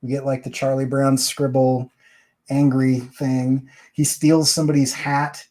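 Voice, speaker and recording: A man's voice: mid-range voice, flat delivery, unhurried, mellow. A man hosting a comic book review, chatting casually and rambling as he walks through the story page by page. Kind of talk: casual chat.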